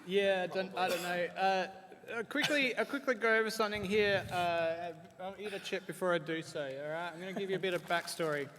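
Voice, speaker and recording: A man runs a live panel, chatty and loose with fillers as he eats. His voice sits high, and it rings out with the long echo of a big convention hall. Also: fairly quick, a bit bright. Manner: chatty, filler-heavy, talking while eating spicy chips. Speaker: panel presenter.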